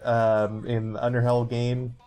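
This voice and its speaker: A young man talks through a video game with friends in an easy, meandering way. He fills his sentences with ums and restarts and breaks into laughter often. His voice sits in an ordinary middle pitch. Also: monotone, a little slow, warm tone. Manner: rambling, with many fillers and restarts, laughs often. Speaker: let's play commentator. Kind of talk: casual gaming commentary.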